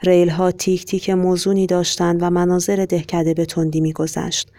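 Story narrator, steady reading, gravelly and flat. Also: mid-range voice, no room sound, clean studio sound. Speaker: podcast storyteller. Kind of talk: scripted narration.

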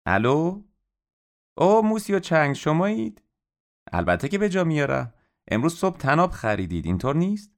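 A man voicing a brisk, businesslike middle-aged woman shopkeeper on the phone in an audiobook. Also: fairly high pitch, very animated, pitched above the performer's own voice. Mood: chirpy businesslike.

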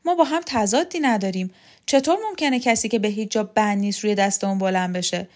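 A woman's voice: medium pitch, a little mellow, close to an everyday voice. A woman reading an audiobook, voicing a poised, dismissive woman with a lightly raised voice. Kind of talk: audiobook character voice.

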